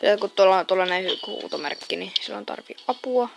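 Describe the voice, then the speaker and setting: A woman's voice: mid-range voice, vocal fry, noisy background. A woman hosting a casual let's-play video, chatting and muttering reactions as she plays a farming game. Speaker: gameplay video host. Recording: game music behind the voice. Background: game music.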